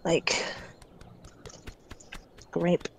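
A woman's voice: drawn-out words, in a whisper. A woman co-hosting a video game stream, chatting casually and offering hints, often trailing off with a loose "so". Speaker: let's play co-host. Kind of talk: casual gameplay chat.

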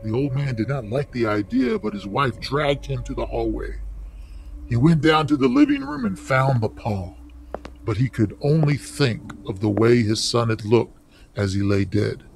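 A man reading a story aloud for language learners, with slow, careful, deliberate delivery. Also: mid-range voice, animated, creaky, darkish tone, slight background noise. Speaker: narrator.

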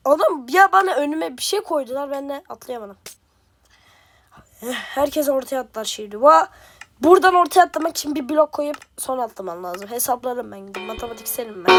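A woman giving playful, excitable gameplay commentary as a gaming streamer, trash-talking and reacting loudly. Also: sits high, slight background noise. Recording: game music behind.

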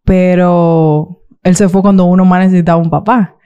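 A woman's voice: lowish voice, normal speed, clean tone, dull audio. A young Dominican woman with a Dominican accent, chatting as an interview guest and acting out quoted voices. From Dominican Republic. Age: young adult. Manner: animated, acts out quoted voices, laughs often. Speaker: guest YouTuber. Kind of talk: casual interview talk.

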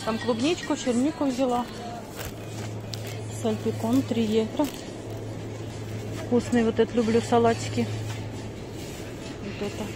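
Over music, a middle-aged woman with a fairly high voice talks a little slowly with fairly even intonation, pausing often. Holding her phone at arm's length, she chats in a casual vlog, rambling and thinking aloud as she moves from a stairwell to a parked car to a busy supermarket.

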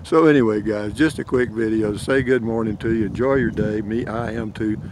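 Brisk yet fairly even in intonation, an older man with a drawl and a fairly low, darkish voice vlogs about camping from a pine forest, his phone held at arm's length. He rambles folksily and chuckles often, and a little hiss or hum runs under the recording.

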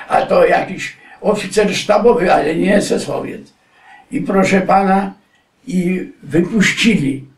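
Very old man with a high voice. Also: darkish tone. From Poland. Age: 90s. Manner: rambling storytelling, often addresses the interviewer as sir. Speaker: war veteran interviewee. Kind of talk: oral history recollection. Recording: echoey room, distant mic.

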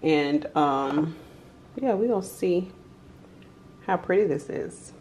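Low-voiced woman chatting through a hair haul. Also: lively intonation, slow, music in the background. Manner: enthusiastic, chatty, addresses viewers directly. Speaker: vlogger. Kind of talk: casual product review vlog. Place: home kitchen and living room.

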